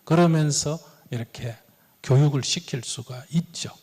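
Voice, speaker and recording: A man's voice: on the high side, measured pace. A man giving Buddhist advice in a question-and-answer talk, acting out dialogue with chuckles. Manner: lively, acts out dialogue, chuckles. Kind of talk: sermon-like Q&A advice. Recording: long hall reverb.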